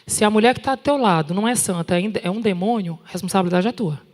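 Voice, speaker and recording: A woman with a Brazilian Portuguese accent preaching at a conference in an animated, direct, scolding way, with touches of humor. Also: mid-range voice, fast. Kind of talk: sermon. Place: large church hall. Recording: long hall reverb.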